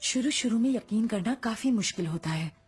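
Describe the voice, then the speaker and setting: A woman's voice: on the high side, animated, moderate pace, a little mellow, slightly rough, faint music behind. A woman voicing a confident stage actress in an anime film dub, with a composed, assured way of telling her story. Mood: reflective.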